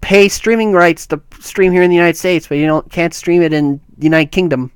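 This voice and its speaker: A man's voice: on the high side, fairly even intonation, a little fast, smooth, no room sound. A man from Canada giving casual tech news commentary on his vlog, rambling with many restarts and fillers. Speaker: tech vlogger.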